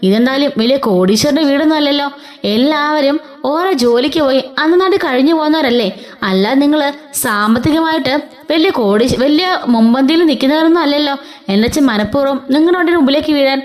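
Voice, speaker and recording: A woman's voice: high voice, expressive, quick pace. A woman voicing a hurt young wife who pleads and protests. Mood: upset. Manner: pleading, upset.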